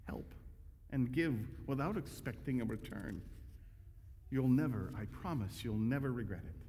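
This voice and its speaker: A man's voice: mid-range voice, expressive, moderate pace, creaky, warm tone, slight background noise. A male pastor preaching a conversational, emphatic sermon with frequent restarts. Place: church sanctuary. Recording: echoey church hall.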